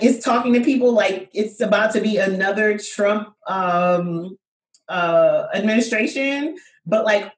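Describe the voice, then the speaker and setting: Lively woman, roomy podcast echo. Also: medium pitch. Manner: animated, laughs often, lots of "like" and "bro". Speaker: podcast co-host. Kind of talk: casual chat.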